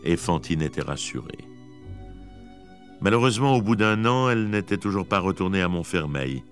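A man giving measured, expressive scripted narration of a classic story. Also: sits low, soft background music.

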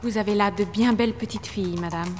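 Woman as a poor young mother, earnest, imploring, soft music behind. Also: medium pitch, fast talker, lightly acted. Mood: pleading. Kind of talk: audio drama acting.

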